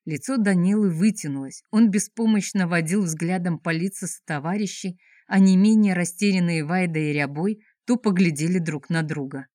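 A woman narrates a novel in a measured, expressive manner. Her voice sits somewhat low, and the recording is dry and close. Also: no echo. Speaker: audiobook narrator. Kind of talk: scripted narration.

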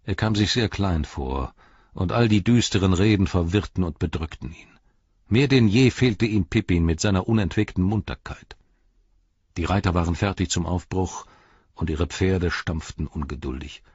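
A man narrating an audiobook in a calm, even reading. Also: low-pitched, normal speed, slightly rough, no echo, dull audio. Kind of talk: scripted narration.

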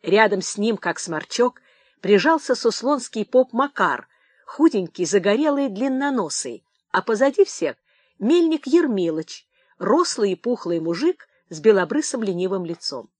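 A woman narrating an audiobook in an expressive manner. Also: medium pitch, a little slow, dry recording. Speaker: reader.

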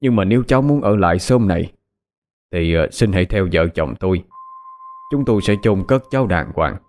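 A man's voice: low voice, lively intonation, a little fast, darkish tone. A man voicing a kind village husband, Southern Vietnamese accent, humble, earnest, hesitant.

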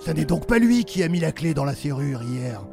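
Gravelly man narrating a mock crime tale. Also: fairly high pitch, very animated, fairly quick, over music. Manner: solemn parody of a crime documentary. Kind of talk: mock-dramatic narration in a comedy podcast.

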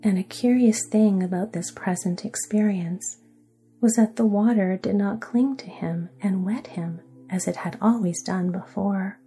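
A woman narrating a sleep story in a soft, hushed, soothing whisper. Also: medium pitch, unhurried, husky, faint music behind.

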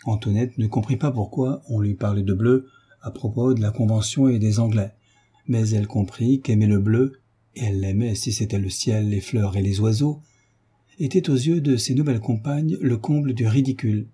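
A man reading a novel aloud in a measured, even narration with a husky voice. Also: fairly low pitch. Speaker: audiobook reader. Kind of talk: scripted narration.

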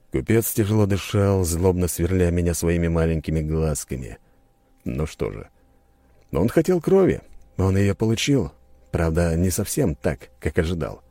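A man narrating a first-person fantasy audiobook in an expressive storytelling manner. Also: low-pitched, no echo.

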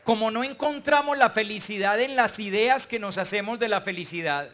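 Brief: older Colombian priest, very high voice, homespun storyteller. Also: male voice, normal speed, a bit bright. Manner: folksy, storytelling, acts out quoted voices. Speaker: priest and speaker. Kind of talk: motivational talk.

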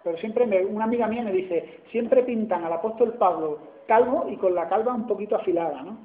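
A man's voice: high-pitched, fairly quick, slight background noise. A man from Spain with an Andalusian accent, preaching a sermon in a chatty way and often asking his listeners "¿no?". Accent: Andalusian Spanish. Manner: conversational, asks "¿no?" often. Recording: echoey hall over a tinny line.

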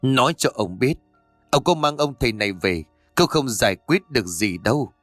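A man voicing a bitter, vengeful young woman who speaks in an accusing, sharp, pleading way. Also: mid-range voice, animated, normal speed, dry recording, faint music behind, close to an everyday voice.

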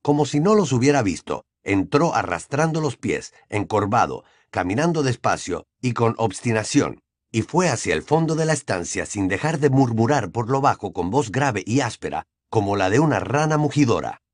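Expressive male audiobook narrator, dry sound. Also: mid-range voice, moderate pace, no room sound. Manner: expressive, storytelling delivery. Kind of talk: scripted narration.

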